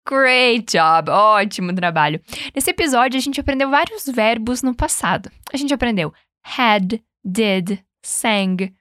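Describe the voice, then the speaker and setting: A Brazilian woman with a fairly high voice leads a podcast English lesson in an upbeat, coaching way. She says each English word slowly and then asks the listener to repeat it. The recording is close and dry. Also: expressive, a bit bright, dry recording. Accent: Brazilian Portuguese. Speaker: English teacher and podcast host. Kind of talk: podcast language lesson with repeat-after-me drills.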